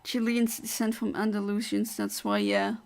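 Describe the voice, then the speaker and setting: A woman's voice: mid-range voice, flat delivery, moderate pace, gravelly, a little mellow. A woman from southern Luxembourg, chatting casually on a gaming livestream, rambling as she reads out and answers chat. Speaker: streamer.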